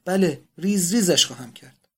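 A man's voice: a little high, darkish tone, close to an everyday voice. A man reading the part of an anguished, doting elderly father who breaks into vehement, pleading outbursts. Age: older.

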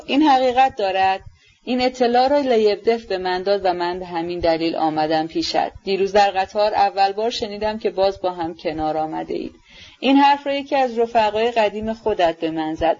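A woman reading as an earnest, gentle young prince. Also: mid-range voice, natural voice. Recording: dull lo-fi recording.

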